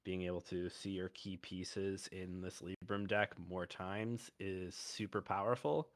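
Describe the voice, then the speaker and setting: A man's voice: low voice, fairly even intonation, measured pace. A man hosting a podcast, talking through card games in a thoughtful, casual way. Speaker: podcast host.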